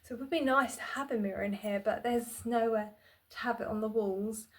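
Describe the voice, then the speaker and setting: A vlogger talks casually to her phone camera on a tripod in a small room at home, her voice fairly high and brisk. She rambles and pokes fun at herself, with lots of "um"s and restarts.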